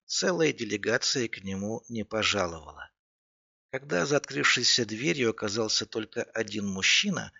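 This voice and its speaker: Gravelly male horror story narrator. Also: on the low side, lo-fi sound. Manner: steady, building suspense. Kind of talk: scripted horror story reading.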